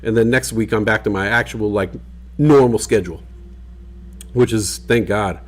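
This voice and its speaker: A man's voice: on the low side, moderate pace. A man hosting a livestream in a casual, rambling chat full of fillers, with the hiccups. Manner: laid-back, rambling with many fillers. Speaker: livestream host. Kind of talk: casual chat to stream viewers. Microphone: desk microphone.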